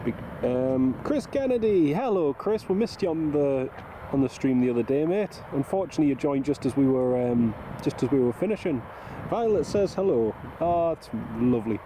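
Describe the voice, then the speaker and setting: The recording is rough, with loud aircraft and vehicle noise around this man livestreaming outdoors at an airport. Stuffy from a cold, he gives casual live commentary at medium pitch and a moderate pace, sounding animated and greeting viewers by name.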